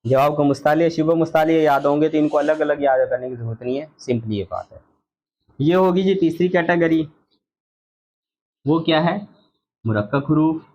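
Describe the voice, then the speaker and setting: A man teaching an online Quran recitation lesson, slowly drilling letter sounds and repeating them for practice. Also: on the high side, a little mellow. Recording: dull lo-fi audio.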